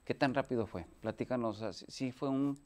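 A man with a Mexican accent hosting an interview, asking questions in a relaxed way with casual slang. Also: medium pitch, brisk. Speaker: host.

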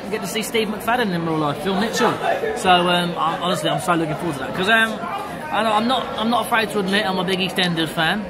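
This young adult vlogger from England talks fast in a high voice, joking around and repeating phrases. He holds his phone out at arm's length while travelling by car and visiting a large busy pub and a theatre, with loud music and a bustling crowd behind him.

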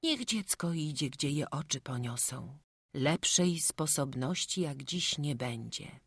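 A woman voicing a kind peasant mother who speaks in a hushed, gentle whisper. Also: sits low, lively intonation, slow, husky, no room sound, studio quality, exaggerated voice.

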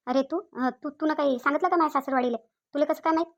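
A woman's voice: high-pitched, very fast, lo-fi sound. A woman voicing a hurt young bride-to-be in a cartoon, pleading and distressed, with a Vidarbha Marathi accent.

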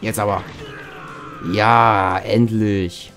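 Young guy doing let's play commentary, gets loud and cusses at the game, game music going behind him. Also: on the low side, drawn-out words. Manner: excitable, swears at the game, loud outbursts. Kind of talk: casual gameplay commentary.

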